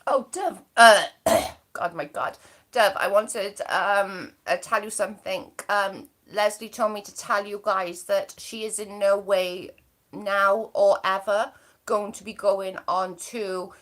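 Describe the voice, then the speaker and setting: A woman from Wales, her accent placing her near the English border, hosts a livestream, reading viewer comments aloud in a bubbly, gossipy manner. Her voice is medium in pitch and fairly bright, with a steady tone, and she speaks slowly.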